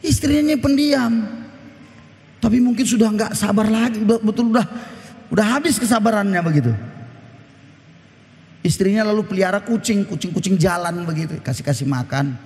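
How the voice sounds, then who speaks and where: A man's voice: high-pitched, fairly quick, long pauses, a little mellow. A pastor preaching a sermon, telling stories with animation and quizzing his congregation. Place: church. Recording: echoey church hall.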